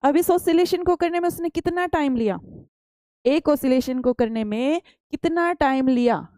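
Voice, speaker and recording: A young woman teaching a science class, patient and repetitive, keeps putting questions to her pupils and answering them herself. Her voice sits a little high, with a warm, mellow tone. The sound is close and dry, with no room echo. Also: moderate pace. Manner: explains patiently, repeats questions back to pupils.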